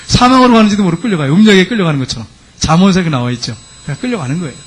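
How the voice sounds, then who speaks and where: A middle-aged male pastor preaching a sermon in a church, retelling a scripture story in a lively, dramatizing way. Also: sits high, rapid-fire, husky. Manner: animated preaching, dramatizing the story with quoted voices and laughter. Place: church sanctuary.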